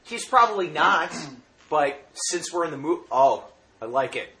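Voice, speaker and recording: Bright, quipping man in an echoey room. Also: fairly high pitch, expressive, measured pace, a little hiss or hum. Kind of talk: casual chat watching a video.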